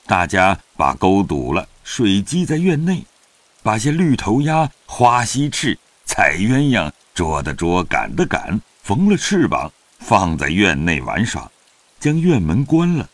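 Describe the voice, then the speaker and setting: Low-voiced expressive male narrator. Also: a little slow, no room sound. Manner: expressive, animated storytelling. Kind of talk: scripted storytelling narration.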